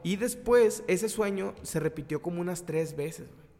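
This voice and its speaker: Speaking in a casual, slangy way, a man with a Mexican accent tells a long personal story, often stopping and restarting his words. His gravelly, darkish voice sits a bit high at a normal speed, with a long reverb trailing it.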